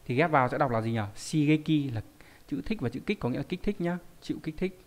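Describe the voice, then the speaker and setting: A man's voice: fairly high pitch, expressive, fast. A man teaching a live online lesson, reading out viewer names and explaining word readings with frequent rhetorical questions. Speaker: Japanese teacher.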